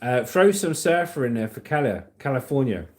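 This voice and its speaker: A man's voice: mid-range voice, big pitch swings, a little fast, a little mellow. A man hosting a casual livestream, reading out viewer comments and joking about them. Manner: jokey, reads viewer comments aloud. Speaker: livestream host.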